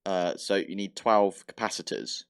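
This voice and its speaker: A deep, smooth, creaky voice belongs to this modded Minecraft let's play host, who speaks unhurriedly. He casually comments on his block-building game, thinking aloud in mild exasperation with a slightly stuffy nose.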